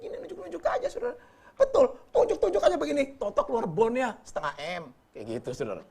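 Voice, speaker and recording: A man's voice: extremely high pitch, quick pace, creaky. A man preaching in a casual Bible teaching style, joking and often addressing his listeners directly. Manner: lively, jokey, often addresses listeners as brothers.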